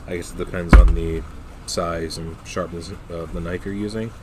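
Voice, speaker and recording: A man giving a casual, unscripted product review in a halting, matter-of-fact way. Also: sits low, fairly even intonation, very noisy. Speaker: pipe tobacco reviewer.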